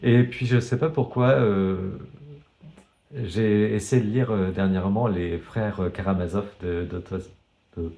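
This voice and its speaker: A man talking casually about a novel he read, with frequent pauses and restarts and some self-mocking humor. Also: lowish voice, steady tone, gravelly, dark tone. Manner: hesitant, many fillers and restarts. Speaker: book vlogger. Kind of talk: casual book review vlog.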